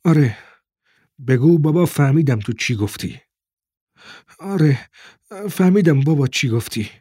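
Scared small boy, pleading, read by a man, husky and dry. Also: mid-range voice, expressive, a little mellow, no room sound. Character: frightened young boy on the run.

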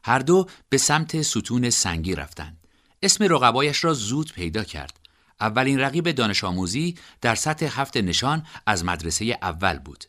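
A man reading a story aloud as an audiobook narrator, at a middle pitch. His delivery is expressive, and his pitch rises and falls in a lively, animated way.

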